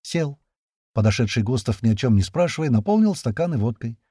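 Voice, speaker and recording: Husky-voiced male audiobook narrator. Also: mid-range voice, very animated, a little fast, warm tone, no echo, studio quality. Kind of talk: scripted narration.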